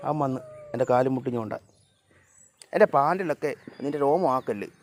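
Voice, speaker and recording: A man talking casually to his cats and dogs outdoors by a road, coaxing them and sometimes shouting at them to move. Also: mid-range voice, expressive, brisk. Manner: coaxing and scolding the animals, shouting now and then. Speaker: vlogger. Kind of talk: casual chat with his pets.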